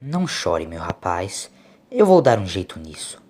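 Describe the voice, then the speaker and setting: Man as the Doctor, lively, commanding adventurer. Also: deep voice, a little slow, exaggerated voice. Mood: compassionate. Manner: commanding, exclamatory, dramatic. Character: urgent, compassionate male time-travelling adventurer doctor.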